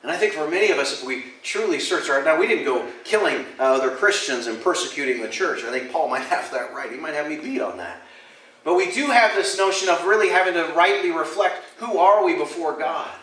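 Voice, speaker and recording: A man preaching a sermon, animated and given to self-deprecating humor. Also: a little high, a little fast. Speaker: pastor. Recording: echoey church hall, mic at a distance.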